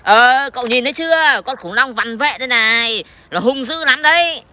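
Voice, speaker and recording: A woman's voice: high voice, normal speed. A woman playing with toy dinosaurs, chatting playfully and bossing the toy around. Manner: sulky then excited, playfully bossy toward a toy dinosaur. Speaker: young toy-show presenter. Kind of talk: playful toy play chat.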